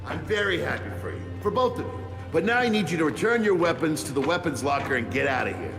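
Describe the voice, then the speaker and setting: A sarcastic workshop engineer. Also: male voice, fairly high pitch, animated. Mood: sardonic. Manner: quick sarcastic quips. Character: sardonic male engineer running a workshop. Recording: game music behind.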